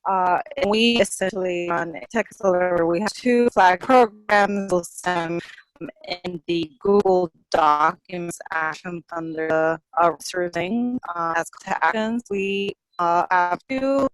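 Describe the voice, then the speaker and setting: A woman presenting remotely on an online workshop, her audio choppy and breaking up as her words come out halting and garbled. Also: lowish voice, dry recording, rough recording. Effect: choppy online audio that keeps breaking up. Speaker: program director presenting on a webinar. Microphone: remote call audio.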